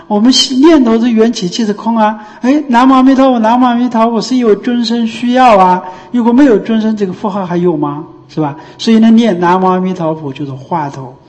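Dharma-talk teacher, mid pitch, explains patiently with rhetorical questions, recorded with long hall reverb. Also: a little mellow. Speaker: Buddhist teacher.

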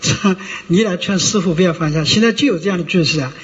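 A high-pitched male monk delivers a discursive Buddhist sermon. He fills his pauses with drawn-out sounds and keeps asking the listeners whether they follow. The recording is dull and lo-fi and carries a long hall reverb. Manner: discursive, many drawn-out "ah" fillers and rhetorical "you know?" checks.

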